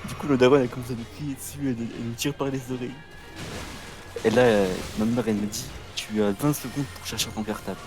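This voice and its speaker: Young man, casual streamer storytelling, stumbling restarts and acted-out voices, game music clearly behind him. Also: mid-range voice, steady tone, quick pace.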